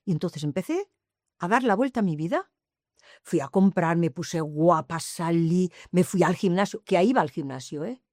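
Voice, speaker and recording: A woman's voice: lowish voice, lively intonation, moderate pace, a little mellow, dry recording, clean studio sound. Emphatic woman in her eighties. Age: 80s. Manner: emphatic, repeats phrases, swears to the listeners. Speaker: interviewee. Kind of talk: emotional personal storytelling.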